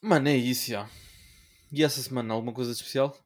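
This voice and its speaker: A young man with a European Portuguese accent banters on a podcast. He teases his co-host with slangy, incredulous remarks in a mid-pitched voice. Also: steady tone, fast talker. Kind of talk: casual chat.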